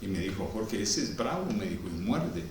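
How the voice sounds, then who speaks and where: A man's voice: low-pitched, very animated, moderate pace, distant mic. Preaching man in an echoey church. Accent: Guatemalan Spanish. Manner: preachy, rises to loud exclamations then drops to soft storytelling. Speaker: pastor. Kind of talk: sermon. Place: church hall. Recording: echoey room, speaker off-mic, faint background noise.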